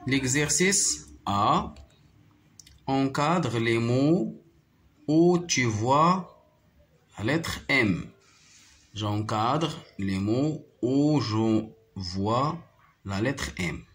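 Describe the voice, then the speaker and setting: Very slow, deliberate male teacher. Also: mid-range voice, animated, fairly bright tone. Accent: Moroccan. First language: Arabic. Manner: slow, deliberate, repeats words and syllables. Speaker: primary school French teacher. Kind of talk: slow classroom explanation.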